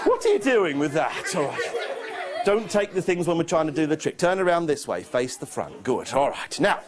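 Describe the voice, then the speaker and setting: A man's voice: on the high side, big pitch swings, moderate pace. A man performing as a playful children's party magician, giving simple instructions and mock-confused patter in a live show. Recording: noisy live room with clicks.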